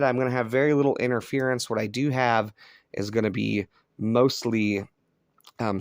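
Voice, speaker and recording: A creaky, medium-pitched American man from Colorado, a shortwave radio hobbyist and video host, gives casual, laid-back vlog commentary indoors at his rural home. He records on a cell phone, yet the sound is clean and studio-like with no echo.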